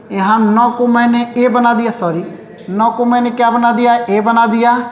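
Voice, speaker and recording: Slow, echoey Hindi grammar teacher, male. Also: very high-pitched. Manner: repeats rhetorical questions to students. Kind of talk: whiteboard lesson. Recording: echoey room.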